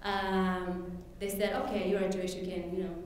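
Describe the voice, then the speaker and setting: A woman recounts her personal story in an event hall; she is from Ethiopia and Amharic is her first language. She speaks at a medium pitch in a level tone, haltingly, with many fillers and restarts. Slight background noise accompanies the very echoey, distant-mic recording.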